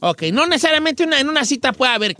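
A man's voice: extremely high pitch, animated, fast, sharp tone. A man hosting a comedic radio talk show, playing a bumbling elderly man who mangles words. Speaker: radio host.

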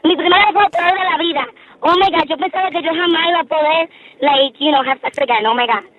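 Female radio caller, very high, chatty, on a phone line. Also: brisk. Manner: chatty, mixes in English phrases. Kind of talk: phone-in confession.

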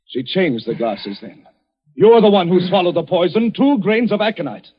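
An unflappable doctor in an old radio play, speaking in a cool, clipped, slightly husky tone. The sound is dull and lo-fi like a vintage broadcast. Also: male voice, sits high, big pitch swings, normal speed, heavily acted. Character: calm, defiant male doctor facing a killer. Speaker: doctor, hero. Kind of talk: 1940s radio acting.

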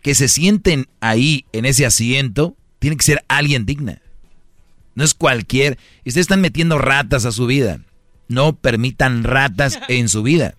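A man's voice: medium pitch, a little slow, a bit bright, no echo, clean studio sound, soft background music. A man with a Mexican accent, hosting an advice talk show for men and speaking in a brash, slangy, mocking way. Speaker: host giving relationship advice to men.

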